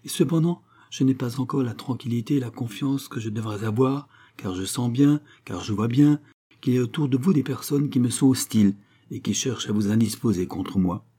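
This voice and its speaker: A man's voice: medium pitch, brisk, dark tone, slightly rough, lightly acted. A man voicing an earnest young girl who speaks in a timid, tremulous, pleading way, in an audiobook. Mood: anxious.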